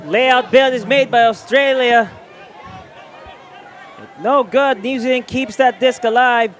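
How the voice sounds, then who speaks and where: A man with a strikingly high voice calls live play-by-play at a slow, deliberate pace. A crowd murmurs loudly behind him, with outdoor noise clearly heard. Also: fairly even intonation. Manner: calls the action, rising when plays happen. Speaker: play-by-play commentator. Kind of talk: live sports commentary.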